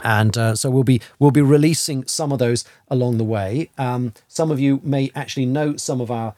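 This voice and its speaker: Chatty radio host, dry studio sound. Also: male voice, medium pitch, normal speed, warm tone, no echo. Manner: rambling, many fillers and restarts. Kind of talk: casual radio chat.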